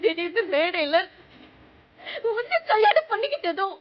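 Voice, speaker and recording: A woman's voice: very high-pitched, sing-song, measured pace, muffled recording, full character voice. An actress playing a distraught young woman who cries and accuses her husband in a TV serial. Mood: tearful. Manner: tearful, pleading, accusing. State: crying. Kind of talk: TV serial acting. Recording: with background music.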